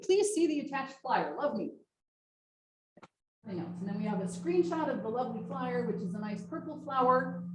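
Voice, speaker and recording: Her voice is fairly high and a bit bright. She's presenting a training session in an informal, explanatory style, mixing prepared material with spontaneous asides.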